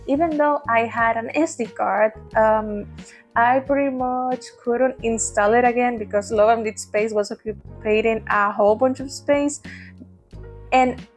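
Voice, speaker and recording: A woman's voice: a little high, measured pace, soft background music. A woman vlogging in a casual ramble, laughing often and restarting her words, recorded on a tablet at home. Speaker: vtuber vlogger. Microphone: tablet mic.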